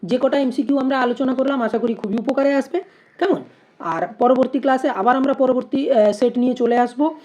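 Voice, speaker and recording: A woman's voice: high voice, brisk, a little mellow. A woman teaching an exam-prep lesson. She reads out multiple-choice questions and options, then explains each answer step by step and poses rhetorical questions.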